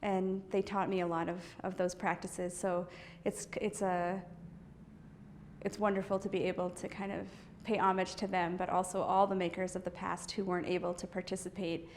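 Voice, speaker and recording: A woman's voice: on the low side, flat delivery, moderate pace, a little hiss or hum. A woman artist from the US East Coast in a casual interview, talking thoughtfully with many fillers, restarts and light laughs. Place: indoor art studio.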